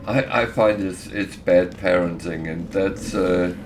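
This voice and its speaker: A man's voice: deep voice, slow, over music. A middle-aged man chatting casually while gaming on a livestream, hesitant with many fillers and restarts. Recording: clear background noise.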